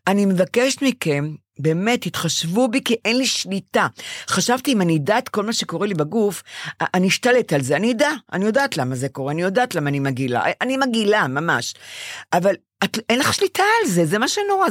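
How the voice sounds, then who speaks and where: An older woman co-hosting a chat show, telling a long personal story in a lively way and acting out what she said back then. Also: medium pitch, no echo, clean studio sound. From Israel. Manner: animated storytelling, acts out her own past quotes. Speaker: podcast co-host. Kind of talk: casual chat.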